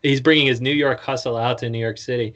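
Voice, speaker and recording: A man's voice: mid-range voice, steady tone, fast, a bit bright, lo-fi sound. A man hosting a casual interview podcast, talking in slangy, swear-filled, run-on questions. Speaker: podcast host.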